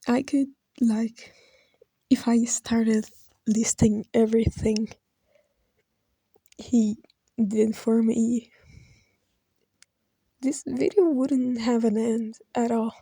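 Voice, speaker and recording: A Brazilian Portuguese-speaking video creator delivers an emotional personal tribute, speaking slowly and haltingly, near tears, her words often fading into soft whispers. Her slightly high voice is dark and gravelly with a husky edge, and her tone stays steady. The recording is dry and close, with no echo.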